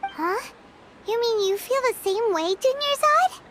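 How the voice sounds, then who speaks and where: Paimon, chirpy floating companion. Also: female voice, expressive, slight background noise, full character voice. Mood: curious. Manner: high, chirpy, quick to react. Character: small floating female companion creature, excitable. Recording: game audio with loud music behind.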